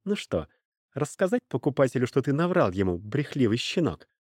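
A man's voice: mid-range voice, very animated, a little fast, darkish tone, husky, dry recording, voice pushed up. A spiteful young slave girl, put on by a male reader, jeers and threatens in a raised, mocking voice. The sound is dry and close, with no room around it. She speaks with scorn rather than fear. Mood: taunting. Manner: mocking, taunting.

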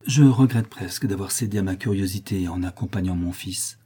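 A gentle, fearful mother speaks, as a male narrator puts her on, her voice only a little raised. The sound is mellow and husky. She speaks softly and anxiously. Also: low-pitched, brisk. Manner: soft, fearful. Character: gentle middle-aged mother, woman, timid. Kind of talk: audiobook character voice.

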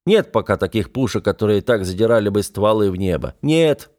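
A man's voice: lowish voice, animated, brisk, a little mellow, natural voice. A man voicing a confident, somewhat dismissive naval officer in an audiobook. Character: self-assured naval officer, adult man. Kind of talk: audiobook character voice.

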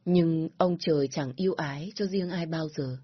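A woman narrating a sorrowful first-person story in a slow, heartfelt reading, in a slightly dull, dry recording. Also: low-pitched, slightly rough, no echo.

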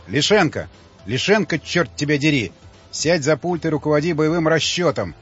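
A man doing a gruff barking army colonel. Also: fairly high pitch, animated, normal speed, a bit bright, pitched above the performer's own voice, heavily acted. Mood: commanding. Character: stern male army colonel commanding a bunker. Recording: slightly dull audiobook audio, faint music.

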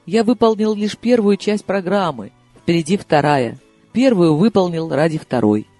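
A man's voice: sits high, lively intonation, normal speed, no echo, faint music behind. A man doing a sly, tender secretive lover. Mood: confiding. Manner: soft, intimate, confiding.

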